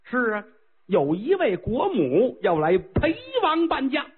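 A man doing a sly, unhurried old chancellor. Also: very high voice, very animated, slightly rough, exaggerated voice. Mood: calm, sly. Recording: tinny lo-fi phone-like sound.

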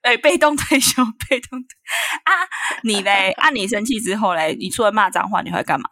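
A woman co-hosting a casual chat podcast, telling stories with animated delivery, acting out both sides of arguments and laughing often. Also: medium pitch, brisk, dry recording. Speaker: podcast co-host.

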